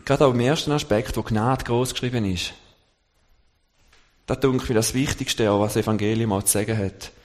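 A man giving a sermon at a halting pace, searching for words and slowing down for scripture quotes. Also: mid-range voice, steady tone, a little mellow. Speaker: lay preacher. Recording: long church reverb.

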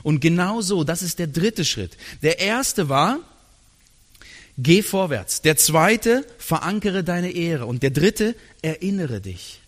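Man, sermon, slow unhurried delivery, slightly high voice, earnest, hushed tender asides. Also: expressive. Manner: earnest, drops to a hushed tender voice for God's words. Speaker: preacher.

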